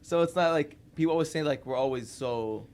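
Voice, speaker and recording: A man's voice: a little high, a little fast, darkish tone. A man talking earnestly in a casual podcast chat, often throwing in rhetorical questions. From United States. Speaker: podcast guest.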